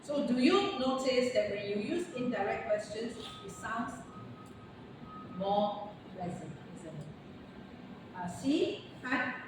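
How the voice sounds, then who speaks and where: A woman's voice: on the high side, expressive, far from the mic. Woman teacher in an echoey classroom. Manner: slow, drawn-out model phrasing for students. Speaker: English teacher. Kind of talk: classroom lesson. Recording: echoey, noisy classroom from afar.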